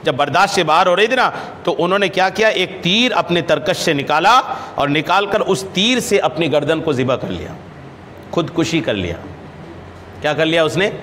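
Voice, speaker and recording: Animated high-voiced male preacher in a reverberant hall. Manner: chants Arabic hadith text slowly, then explains it in lively repetitive speech; asks rhetorical questions and repeats key phrases. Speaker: religious scholar and preacher. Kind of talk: hadith lesson sermon. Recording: long hall reverb, faint background noise.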